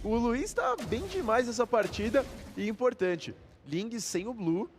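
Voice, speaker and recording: A man's voice: extremely high pitch, very animated, measured pace, slight background noise. A man with a Brazilian accent giving casual, slangy, chatty commentary as co-caster of a live esports match.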